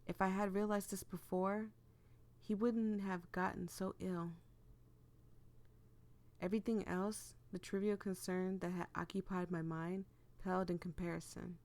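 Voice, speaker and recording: In this bedroom let's-play, the woman reads game dialogue aloud and chats through her cold-worn voice, which is on the low side, a little slow and a little mellow, with little pitch movement. She's propped up in bed.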